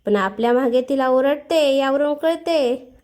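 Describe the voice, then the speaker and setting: A sharp-tongued aunt lashes out with accusations, her voice rising as she scolds, as a woman storyteller plays her. The voice is high and mellow. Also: animated, unhurried. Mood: accusing.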